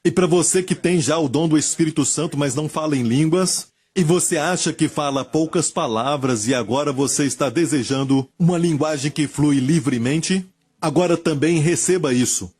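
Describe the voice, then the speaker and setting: A man's voice: on the high side, moderate pace, a little mellow, husky. A man preaching and leading prayer, fervent and repetitive, calling out healing commands. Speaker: pastor.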